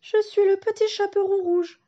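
A woman's voice: very high-pitched, little pitch movement, extremely slow, warm tone, highs cut off, pitched above the performer's own voice, heavily acted. A woman voicing a frightened little girl in red who pleads in a trembling, weepy voice. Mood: tearful pleading.

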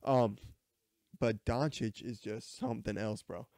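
A man's voice: mid-range voice, unhurried, a little mellow, no room sound, clean studio sound. A man co-hosting a podcast, talking sports in a rambling way, often restarting and repeating words. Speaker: podcast co-host. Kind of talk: casual sports chat.

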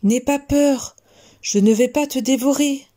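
A good-natured, clumsy wolf from a children's storybook, as a woman reader puts him on. He speaks slowly in a raised, mellow voice, earnest and a touch flustered. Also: high-pitched, animated. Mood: gentle.

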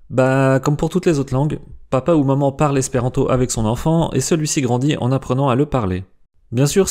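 Mellow-voiced man explaining a language. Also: mid-range voice. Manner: lively explainer, slows to spell out pronunciations. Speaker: language video host. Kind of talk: scripted educational narration.

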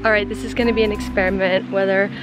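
Holding the camera at arm's length, a vlogger in her twenties chats casually and upbeat, filling her speech with "like." Her mid-range voice stays level and quick, with loud music behind it. She starts inside a small wooden cabin, then heads out onto a forest trail.

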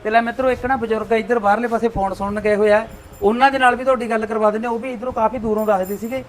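A man interviewing customers at a shop, chatty and brisk, prompting with short questions. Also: high voice, fairly even intonation, a little hiss or hum.

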